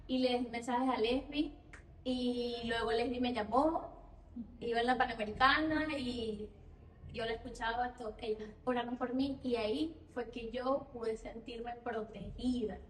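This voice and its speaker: A young woman with a Venezuelan accent and a high voice gives an earnest church testimony, circling back to repeat her words. She sounds distant from the microphone in an echoey sanctuary, with a faint murmur of room noise behind her. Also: fairly even intonation, a little slow. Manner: earnest, repeats phrases, frequent fillers. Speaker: church speaker. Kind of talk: personal testimony sermon.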